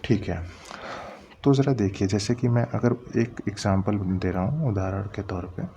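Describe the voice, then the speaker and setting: A man teaching a grammar lesson, patiently explaining step by step and sounding out letters slowly. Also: fairly low pitch, warm tone, dull audio, a little hiss or hum.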